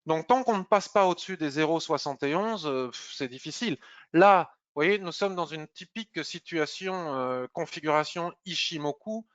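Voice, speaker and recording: A man talks through trading charts in a loose, chatty way, often pausing with fillers. His mid-pitched voice comes through a dry, slightly dull mic with no room sound. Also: expressive, fairly bright tone, no echo. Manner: chatty, hesitant with many "euh" fillers. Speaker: market analyst. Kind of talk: screen-share market review.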